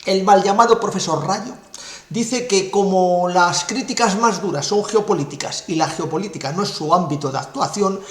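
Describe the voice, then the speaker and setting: Scornful commentator, echoey. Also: male voice, high voice, moderate pace. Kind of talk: political commentary monologue. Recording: roomy echo.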